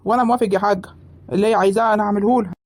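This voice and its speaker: A performer voices a young village husband in a cartoon comedy, with an Egyptian accent. He is meek and eager to please, pleading earnestly as the words pour out very quickly. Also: medium pitch, fairly even intonation, lightly acted. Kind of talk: animated comedy voice acting.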